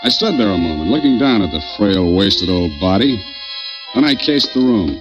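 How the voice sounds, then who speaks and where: A hard-boiled private detective, played by an actor, narrating in a dry, terse way in a 1940s radio drama. His low voice comes through a dull, muffled old recording. Loud guitar music plays under the words. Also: expressive, moderate pace, lightly acted.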